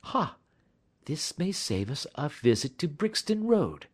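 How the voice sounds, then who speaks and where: Man doing a gentleman detective, shrewd, urbane, bland politeness, animated intonation, somewhat high pitch, storybook character. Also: moderate pace. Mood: hushed, intent.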